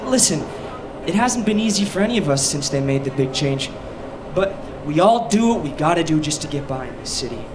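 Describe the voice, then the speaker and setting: A man's voice: on the high side, very animated, fairly quick, background noise. A man playing a world-weary, plain-spoken subway performer in a live comic radio play. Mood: weary, consoling.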